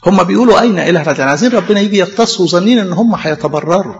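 A man's voice: high voice, expressive, racing, vocal fry. A man with an Egyptian Arabic accent preaching a sermon, emphatic, asking rhetorical questions and answering them himself. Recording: echoey hall, dull lo-fi sound.

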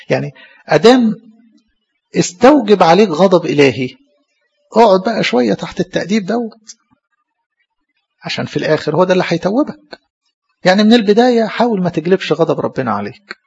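Gravelly, husky Egyptian priest preaching fast. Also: male voice, high-pitched, muffled recording. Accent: Egyptian Arabic. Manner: conversational preaching, rhetorical questions, repeats phrases. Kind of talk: sermon.

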